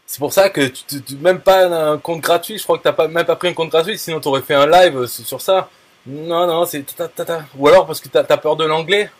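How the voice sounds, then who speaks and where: Here a man with a higher-pitched voice chats casually with a viewer, speaking a little fast with few pauses. He's an affiliate marketer whose blunt talk is loaded with fillers, restarts and crude slang.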